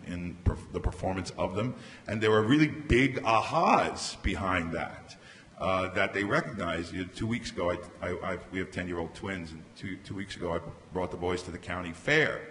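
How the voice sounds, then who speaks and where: A middle-aged man speaking as a panelist at a conference, telling anecdotes in a lively way into a table microphone. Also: low voice. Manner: animated anecdotal storytelling. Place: large conference hall stage. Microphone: microphone on a table stand. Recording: reverberant hall, faint background hiss.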